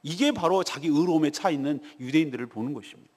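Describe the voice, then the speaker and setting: A man's voice: fairly high pitch, fast talker, a little mellow. A man preaching a morning devotional sermon as pastor, speaking emphatically and putting rhetorical questions to the congregation, in a church with a long reverb. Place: church sanctuary.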